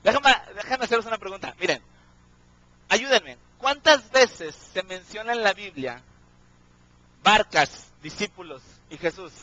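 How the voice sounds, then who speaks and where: A man's voice: sits high, animated, a little slow, sharp tone, no room sound, low-quality recording. A man preaching a sermon, often asking his congregation questions and checking in with them.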